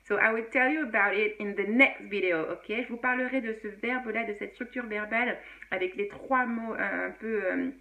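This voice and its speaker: A woman's voice: medium pitch, normal speed, vocal fry, bright, forceful tone. A woman teaching English in a casual video lesson, chatty with many fillers and frequent laughs.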